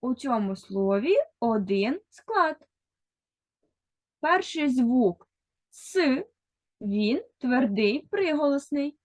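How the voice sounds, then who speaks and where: A woman teacher giving a recorded reading lesson to first graders. She speaks slowly and carefully, sounding out words one by one, and talks straight to a single child, pausing for answers. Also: sits high, no room sound. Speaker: primary school teacher.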